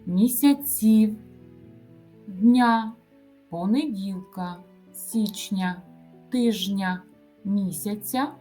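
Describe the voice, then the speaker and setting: Woman teacher, grammar lesson; unhurried, measured word-by-word delivery. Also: medium pitch, a little mellow. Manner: slow, deliberate dictation-like delivery. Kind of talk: grammar lesson, reading example word lists.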